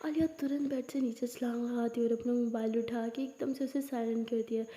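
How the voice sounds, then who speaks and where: A woman narrating a romance story in a quiet, hushed way. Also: a little high, steady tone, fairly quick. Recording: echoey room with long reverb.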